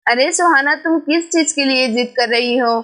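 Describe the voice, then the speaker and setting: A caring young village mother, voiced by a woman in a doll story. She chatters in a coaxing, motherly way. Her voice is high and bright. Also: normal speed.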